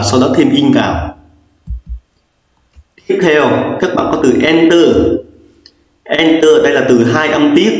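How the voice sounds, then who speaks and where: A man's voice: medium pitch, a little mellow. A man teaching an English grammar lesson, explaining patiently and repeating each rule with frequent fillers. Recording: echoey lo-fi room recording.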